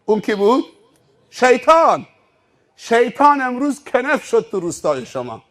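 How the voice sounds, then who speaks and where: A male preacher giving a sermon, telling stories with rhetorical questions. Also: very high-pitched. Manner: animated storytelling with rhetorical questions.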